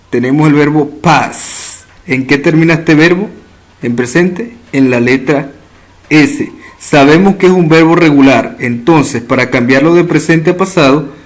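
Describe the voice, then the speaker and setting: A man teaching English grammar, explaining step by step and repeating each word slowly for practice. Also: on the high side. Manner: slow, careful, repeats words for drill. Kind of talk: explaining a lesson.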